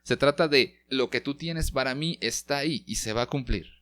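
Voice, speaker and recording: A man's voice: mid-range voice, normal speed, a bit bright. A man, a pastor, preaching a podcast sermon and acting out quoted prayers and lines with dramatic shifts, speaking straight to the listener.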